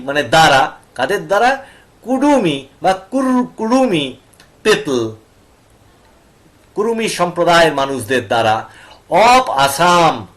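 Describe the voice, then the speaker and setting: A male teacher walks through an English passage at an unhurried pace. His fairly high voice rises and falls a great deal. He reads the English slowly, spells words out in syllables and checks that his students are following. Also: bright, forceful tone. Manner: reads English slowly word by word, then explains; breaks words into syllables aloud. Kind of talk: explaining an English passage in Bengali.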